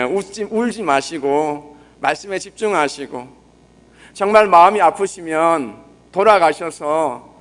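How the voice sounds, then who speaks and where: A young male pastor with a Busan Gyeongsang accent, preaching gently and conversationally, often putting questions to the congregation. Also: on the high side. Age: young adult. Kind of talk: sermon.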